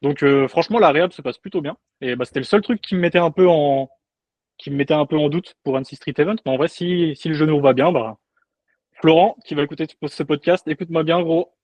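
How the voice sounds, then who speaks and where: Young man, guest coach, laid-back, joking, slightly high voice, dry. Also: fast, no room sound, dull audio. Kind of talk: casual podcast chat.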